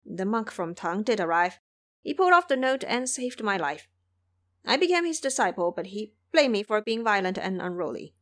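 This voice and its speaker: A woman voicing a proud, impulsive male monkey immortal in an audio drama, boastful and brisk. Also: medium pitch, big pitch swings, lightly acted. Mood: hurried, defensive. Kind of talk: audio drama character acting.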